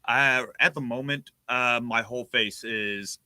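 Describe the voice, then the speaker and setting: A man chatting casually as a guest, calmly describing how the food tastes and feels, with frequent hesitant restarts. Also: mid-range voice, a little slow, dry recording. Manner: matter-of-fact, hesitant restarts. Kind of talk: casual chat while tasting hot foods.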